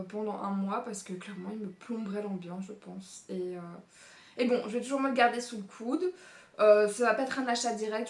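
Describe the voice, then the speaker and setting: A woman's voice: on the high side, a bit bright. A young woman talking casually about new books she plans to read, with lots of fillers and frequent laughter. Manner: chatty, many fillers, laughs often. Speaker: book youtuber. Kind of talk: casual book talk. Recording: echoey room.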